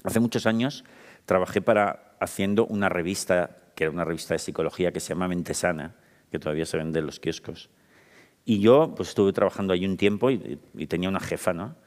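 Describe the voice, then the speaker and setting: Chatty Spanish psychologist in a reverberant hall. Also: male voice, sits low, brisk, darkish tone. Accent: Spain Spanish. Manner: informal, chatty, addresses the audience directly with frequent tag questions. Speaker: psychologist giving a public talk. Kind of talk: lively public talk. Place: municipal event hall.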